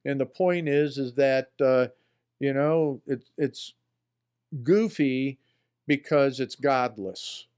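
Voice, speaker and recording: Slow, smooth-voiced folksy man. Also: mid-range voice, a little mellow. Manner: folksy, rambling, talks to himself. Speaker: political commentary host. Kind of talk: casual spoken commentary.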